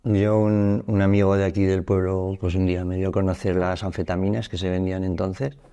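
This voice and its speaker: A man in his fifties from Spain tells his own story to an interviewer in a low, mellow voice. He speaks haltingly and keeps restarting his sentences. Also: level tone, clear, resonant tone. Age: 50s. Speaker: guest.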